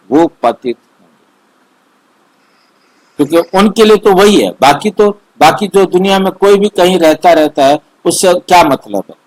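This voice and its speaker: A middle-aged man slowly explaining a spiritual text line by line as study leader, repeating and restating his points in an online meeting. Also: a little high, a little mellow, rough recording. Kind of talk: slow line-by-line scripture explanation. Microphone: online video meeting.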